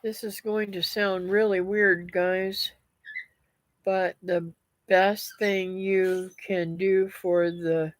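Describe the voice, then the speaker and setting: She's a middle-aged homestead vlogger talking casually to her live-stream viewers, wandering from topic to topic while reading their comments and calling them "guys" and "y'all." Her mid-range voice is a little nasal and stuffy, shows little pitch movement, and moves slowly.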